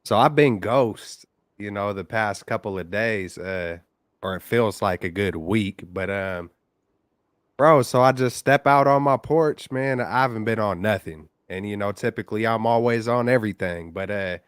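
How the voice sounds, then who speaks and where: An American man phoning in to a sports show over the phone, chatting casually and excitedly in slangy, informal fan talk. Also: on the low side, normal speed, clean tone, dry recording, studio quality. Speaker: caller on a live sports call-in show.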